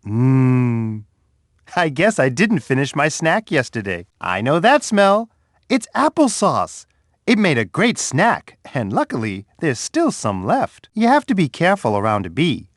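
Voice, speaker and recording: A man voicing a big, gentle, cheerful male bear in a children's game, talking warmly and encouragingly to a young player. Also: medium pitch, huge pitch swings, a little slow, dry recording, clean studio sound. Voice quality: warm, soft, sing-song delivery with chuckles. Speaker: voice actor for a children's game character. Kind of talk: scripted game voice clips. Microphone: dry studio booth.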